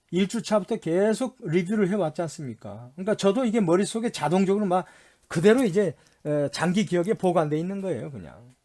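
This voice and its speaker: A male university lecturer, his voice on the high side and a little mellow, reviews course material. He repeats himself, drilling and spelling out key terms, answers his own questions, and mixes English terms into his explanations.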